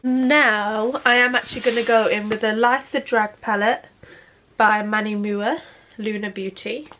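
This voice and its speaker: A sniffly woman in her 20s, a makeup vlogger, sits on her bed and chats casually through a makeup tutorial, repeatedly saying "obviously." Her voice is medium-pitched and steady with a sharp tone, and she speaks unhurriedly. The recording is rough, with a slight hiss or hum.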